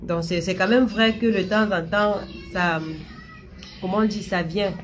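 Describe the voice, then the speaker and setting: A young woman hosts a casual live stream, answering viewers and speaking straight to them in a chatty way. She repeats phrases and has a slight stammer that she says has eased. Her mid-range voice is steady and unhurried, with a little hiss or hum in the audio.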